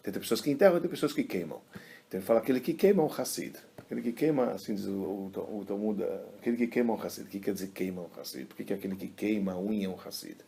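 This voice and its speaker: A man, a rabbi giving a casual religious lesson and telling stories in an animated, colloquial way. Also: fairly low pitch, racing, creaky, husky. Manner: animated, colloquial storyteller, acting out quotes. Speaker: rabbi teaching a class.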